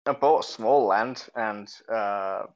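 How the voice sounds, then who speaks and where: A man chatting casually on a gaming podcast, relaxed and a little wry. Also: on the low side, slow pace. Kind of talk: casual chat. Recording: dull lo-fi mic.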